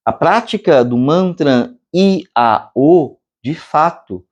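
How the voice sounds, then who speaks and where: A man with a Brazilian Portuguese accent giving a spiritual meditation lecture, speaking slowly and deliberately with long pauses and chanting drawn-out vowels. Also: on the high side, a little mellow. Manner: slow, measured delivery with long pauses. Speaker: meditation instructor.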